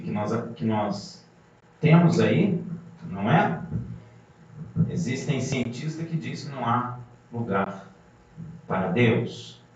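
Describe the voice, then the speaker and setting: A man preaches a sermon in a slightly high voice, pressing his points with rhetorical questions. He sounds far from the microphone in a heavily echoing hall. The sound is dull and muffled. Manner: emphatic, rhetorical questions to the congregation. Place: congregation hall. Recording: muffled, very echoey hall from a distance.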